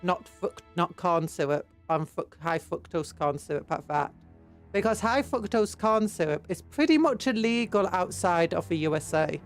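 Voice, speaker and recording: With soft background music, a British woman streamer, low-voiced yet animated at a moderate pace, rambles chattily to her viewers despite a cold, a blocked nose and a sore throat, reading out and answering chat.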